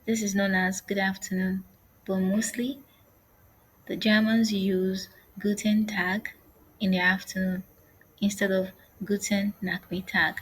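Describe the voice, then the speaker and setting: A woman teaching an online language lesson, speaking slowly and carefully and saying each phrase twice. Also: medium pitch, flat delivery, a little hiss or hum, rough recording.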